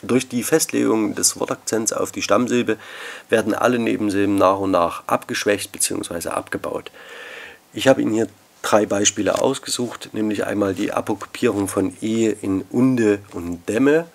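A man giving a recorded university lecture, explaining slides in a measured, formal academic manner and addressing his students politely. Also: fairly low pitch, vocal fry.

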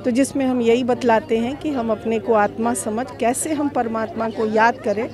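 A woman from a spiritual organization speaking calmly and instructively about meditation to a reporter. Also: fairly high pitch, normal speed. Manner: calm, devotional, instructive. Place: outdoors at a crowded event. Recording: outdoor crowd noise.

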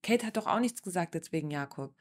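A woman's voice: fairly low pitch, animated, quick pace, background noise. A woman hosting a reaction video, commenting bluntly and with indignation on a reality show.

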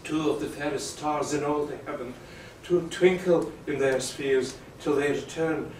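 A man reciting the role of Romeo, a young lover rapt and tender, in soft, hushed verse. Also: a little high, steady tone, measured pace, a little hiss or hum, lightly acted. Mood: rapturous. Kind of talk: Shakespeare stage recitation. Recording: very echoey room, distant mic.

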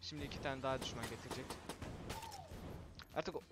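A man casually commentating a video game for viewers, excitable and quick to shout and swear when frustrated. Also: mid-range voice, heavy background noise. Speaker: gaming video host.

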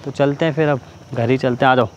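A man's voice: mid-range voice, steady tone, quick pace, highs cut off. A young man in a staged vlog argument, pleading and insisting, swinging from coaxing to raised voice, with faint traffic noise outdoors. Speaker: vlogger. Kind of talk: staged couple-prank vlog, pleading and scolding.

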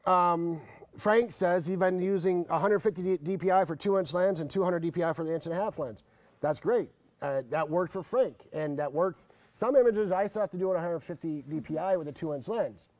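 A middle-aged man hosting a workshop, talking casually in a slightly monotone, rambling way with restarts. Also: high voice, fairly quick, dry recording. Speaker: workshop host. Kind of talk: casual instructional talk.

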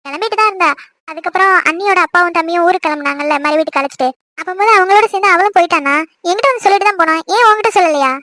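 Woman voicing a very high, quick young sister. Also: sharp tone, no room sound, clean studio sound. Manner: pleading and tearful, quick chatter. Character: young married sister, emotional and lively. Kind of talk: animated cartoon dialogue.

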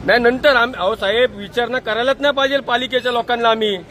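A man's voice: extremely high pitch, steady tone, quick pace, sharp tone. Angry man questioning officials in the street. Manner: aggressive, interrogating, repeating demands. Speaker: citizen activist confronting officials. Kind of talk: heated street confrontation. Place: outdoors on a busy street. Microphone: phone camera filming live.

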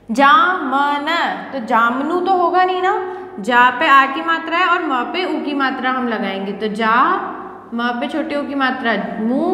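A woman's voice: sits high, bright, forceful tone. A woman teacher, giving a patient lesson to small children, sounding out each syllable and answering her own questions. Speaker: school teacher. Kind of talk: online lesson for young children. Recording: echoey room, long reverb, faint ambience.

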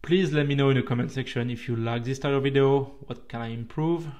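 A man with a French accent, a native French speaker, narrating his own train trip report in a relaxed, chatty way that turns a little halting at times. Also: medium pitch. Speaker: railway vlogger.

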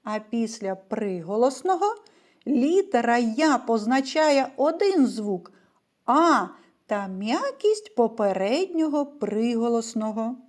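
A woman's voice: on the high side, sing-song, slow. A woman teacher leading a reading lesson for small children, asking questions and answering them in a patient, sing-song way. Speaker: primary school teacher. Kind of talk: slow, clear lesson for young children.

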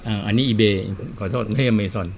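A watch repairman chats casually as he works, telling stories and explaining things in a plain-spoken way. His voice is lowish and normal in speed, with slight background noise.

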